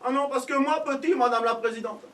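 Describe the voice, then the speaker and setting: A man's voice: extremely high pitch, fast, fairly bright tone. A man playing a cheeky, neurotic son. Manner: cheeky, offhand, mock-earnest. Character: insolent, neurotic grown son of the accused. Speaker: witness. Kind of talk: stage comedy acting. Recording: distant stage mic with faint noise.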